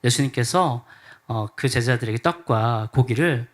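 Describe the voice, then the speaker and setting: A man's voice: medium pitch, moderate pace. A man with a Gyeongsang accent preaching a sermon as pastor, telling stories with humor and acting out the lines of the people in them. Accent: Gyeongsang Korean. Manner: humorous storytelling, acts out quotes. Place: church sanctuary during a service.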